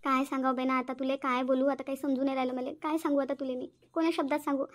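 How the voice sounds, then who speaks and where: A woman's voice: sits high, little pitch movement, very fast, close to an everyday voice. A woman voicing a worried, weary village mother in a cartoon, scolding and fretting. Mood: exasperated. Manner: fretful, scolding, sighing complaints. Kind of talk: cartoon voice acting.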